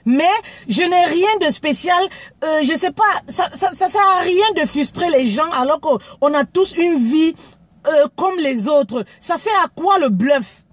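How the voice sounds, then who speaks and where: A woman's voice: high-pitched, unhurried, dry recording. A woman from Cameroon talking frankly in a casual live video, often stumbling and repeating words. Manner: frank, stammering repetitions. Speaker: live streamer.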